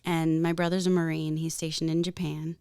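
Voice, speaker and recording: A woman's voice: low voice, little pitch movement, fairly quick, a little mellow, dry recording. A woman from New Jersey, a guest artist chatting casually on a podcast, laid-back with easy laughs and many fillers.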